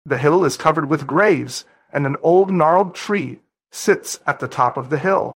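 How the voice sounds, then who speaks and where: A man's voice: on the high side, a little slow, slightly rough. A man acting as game master, setting scenes in a plain, brief way. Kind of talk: narrating a role-play game.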